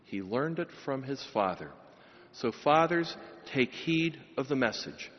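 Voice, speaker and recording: A man's voice: mid-range voice, animated, unhurried. A middle-aged man, a pastor, preaching a sermon and giving a blessing at a pulpit microphone, with emphatic, rising phrases. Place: large church. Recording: long church reverb, dull sound.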